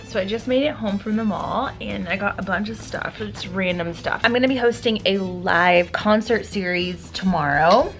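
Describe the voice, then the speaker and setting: A woman talks in a casual, chatty vlog style. Her pitch is average for a woman. Music is clearly heard behind her voice. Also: normal speed, few pauses. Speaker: lifestyle vlogger and event host.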